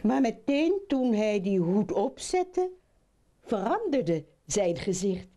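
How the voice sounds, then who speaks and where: Slow, animated woman storyteller. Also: medium pitch. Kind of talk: reading children's stories aloud.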